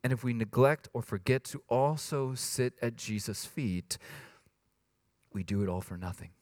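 A man giving a sermon. He drops low and hushed, then rises to high emphatic lines, and puts on a whiny voice to quote complaints. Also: normal speed, no room sound, clean studio sound. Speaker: pastor.

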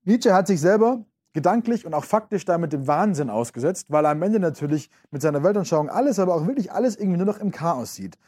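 Husky-voiced man giving a casual lecture. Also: high-pitched, expressive, fast talker, few pauses, a little mellow. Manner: casual, addresses listeners directly, many fillers. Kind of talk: informal lecture.

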